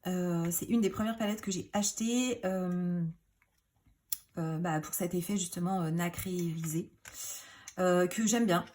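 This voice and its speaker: A woman in casual show-and-tell, chatty and rambling, with many fillers, self-corrections and quiet muttered asides. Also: on the low side, unhurried. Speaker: craft YouTuber.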